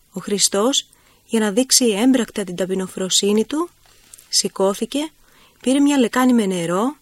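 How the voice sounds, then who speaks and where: A woman calmly reading a Bible story in scripted, measured narration. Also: fairly high pitch, dry recording.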